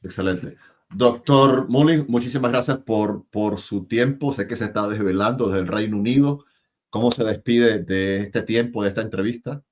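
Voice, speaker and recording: A man hosts an interview over a video call in a fairly low voice. He is chatty and laughs easily, often stumbling and repeating words as he talks. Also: moderate pace. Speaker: interview host. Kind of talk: casual interview and enthusiastic sign-off.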